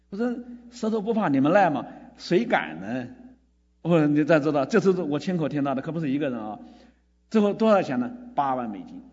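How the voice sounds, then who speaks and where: A man's voice: on the high side, a little mellow, slightly rough. A pastor preaching a sermon, telling a story with quoted dialogue and building to emphatic appeals to his congregation. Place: church hall. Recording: dull lo-fi recording in a reverberant hall.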